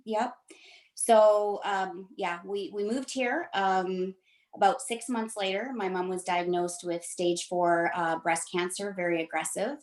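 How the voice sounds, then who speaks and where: A middle-aged woman from Romania, a podcast guest telling her story in a reflective, measured way. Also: mid-range voice, fairly even intonation, echoey room. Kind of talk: interview conversation.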